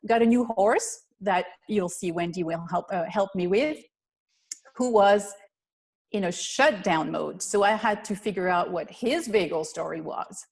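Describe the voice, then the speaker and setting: A woman's voice: medium pitch, a little slow. Belgian woman explaining on a webinar. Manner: earnest, explanatory, slightly non-native phrasing. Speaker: guest presenter, physical therapist.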